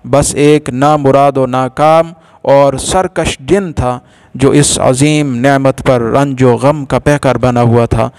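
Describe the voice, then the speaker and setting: A man's voice: medium pitch, fairly even intonation, darkish tone, clear, resonant tone, no echo. Man narrating a religious story, dry close sound. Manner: measured, formal storytelling.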